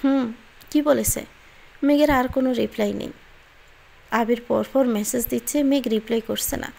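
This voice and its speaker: Female audiobook narrator for romance; expressive, slightly high, gravelly edge. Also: moderate pace. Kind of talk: scripted narration of a romance story.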